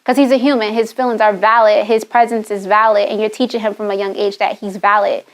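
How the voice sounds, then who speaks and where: A woman's voice: mid-range voice, level tone, brisk. A middle-aged woman talking candidly and animatedly in a casual podcast conversation, swearing freely and often laughing. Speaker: guest, wardrobe stylist and author.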